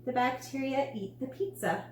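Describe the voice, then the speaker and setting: A woman's voice: high-pitched, normal speed, voice pushed up, close to an everyday voice. A woman voicing a friendly, enthusiastic dentist in a read-aloud storybook, asking questions in an emphatic teacherly way. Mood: explaining. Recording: roomy room with faint hum.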